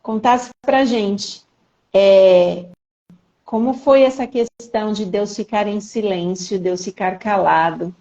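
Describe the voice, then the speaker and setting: A woman's voice: mid-range voice, slow, mellow, highs cut off. A woman hosting a live faith podcast, introducing her guest in an earnest, emotional and talkative way. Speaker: podcast host.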